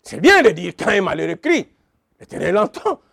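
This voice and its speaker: A man's voice: high-pitched, very animated, moderate pace, gravelly, a bit bright, dry recording, studio quality. A man preaching a sermon, emphatic and repetitive, calling out to his congregation. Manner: emphatic, repeats phrases, calls out to the congregation.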